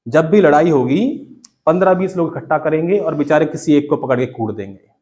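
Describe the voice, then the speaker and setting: A man's voice: a little high, lively intonation, fairly quick, darkish tone. A middle-aged man with an Indian accent teaching English in a class, chatty and scolding with jokes. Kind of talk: classroom lecture.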